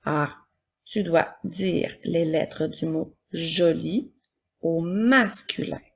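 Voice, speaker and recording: A woman teacher giving a slow, patient spelling and dictation lesson for young children, explaining step by step. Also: deep voice, vocal fry, breathy edge. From Quebec, Canada.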